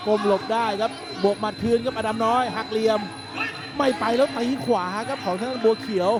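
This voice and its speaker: A man giving excited play-by-play boxing commentary on Muay Thai, punctuated with exclamations. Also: high voice, brisk. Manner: exclaims while calling play-by-play. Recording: loud music over the commentary.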